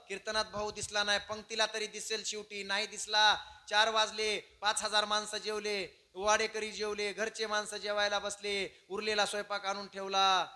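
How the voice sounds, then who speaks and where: A man's voice: high voice, bright, forceful tone. A man preaching a kirtan, telling a moving story dramatically to his listeners. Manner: dramatic, emotional storytelling to the audience.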